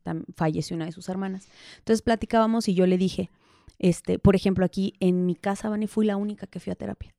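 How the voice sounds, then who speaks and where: A woman's voice: mid-range voice, fairly even intonation, a little fast, gravelly, mellow, no echo, clean studio sound. A Mexican woman in her thirties co-hosting a podcast, telling personal stories candidly and acting out quoted dialogue. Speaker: podcast co-host. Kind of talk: casual podcast conversation.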